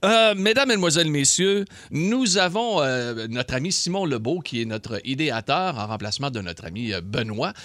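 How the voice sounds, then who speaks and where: Quebec french guy hosting a radio quiz, joking around, bright voice, swoops up and down a lot. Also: medium pitch, expressive, moderate pace, few pauses, no echo. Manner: jokey, laughs often, lots of euh fillers. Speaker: radio show host.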